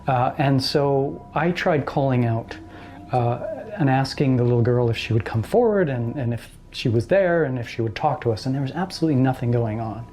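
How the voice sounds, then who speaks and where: A man, a paranormal researcher telling his experiences in a casual, animated way. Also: mid-range voice, normal speed, soft background music. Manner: animated storyteller, acts out quoted voices. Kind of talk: casual storytelling interview.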